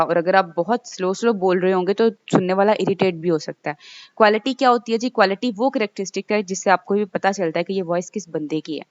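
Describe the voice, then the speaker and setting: A woman giving a recorded lecture. She reads English passages slowly, then explains them loosely, often checking with "okay?". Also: fairly low pitch, no echo. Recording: dull lo-fi dry recording.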